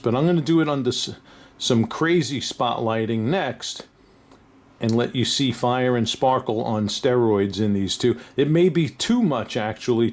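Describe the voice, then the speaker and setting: A man's voice: medium pitch, darkish tone. A man with a New York accent, a diamond dealer talking through a casual, unscripted review, chatty and chuckling often. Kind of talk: casual product review vlog.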